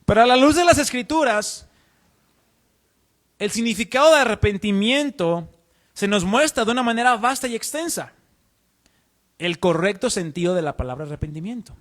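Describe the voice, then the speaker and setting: A high-pitched man gives a teaching sermon in church. He explains earnestly and puts questions to the congregation. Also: lively intonation, moderate pace, pauses often, fairly bright tone. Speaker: preacher.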